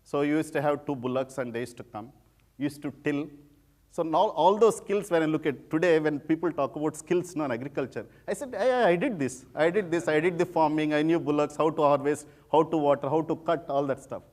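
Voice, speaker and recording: A man's voice: a little high, a little fast, darkish tone. A middle-aged man with a heavy Telugu Indian accent, giving an informal public talk and repeating words for emphasis. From rural village in India. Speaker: guest speaker, former civil servant turned social entrepreneur.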